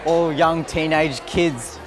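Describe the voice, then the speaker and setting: A friendly, upbeat man from Australia with an Australian accent, chatting casually in a vlog and giving a motivational talk as a design speaker. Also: fairly high pitch. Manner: friendly, upbeat, chuckles often.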